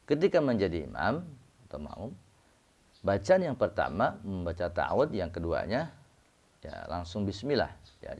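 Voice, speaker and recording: A man from Indonesia teaching recitation, explaining slowly and chanting verses in long drawn-out tones. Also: deep voice, vocal fry, darkish tone. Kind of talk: slow spoken lesson with chanted recitation examples. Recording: dull lo-fi recording.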